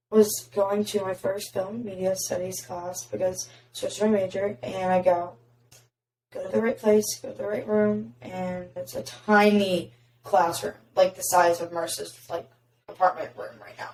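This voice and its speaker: A young woman with a raspy voice, hosting a podcast and telling stories in casual chat full of "like" fillers. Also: mid-range voice, a little mellow. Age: young adult. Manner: chatty storytelling, many "like" fillers. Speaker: podcast host. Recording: roomy echo, faint noise.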